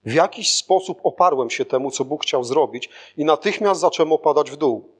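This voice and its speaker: A man narrates a first-person spiritual testimony in an earnest, steady reading. His voice sits a little higher than most men's, and the telling is scripted rather than spoken off the cuff. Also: a little fast, breathy edge. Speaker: audiobook narrator.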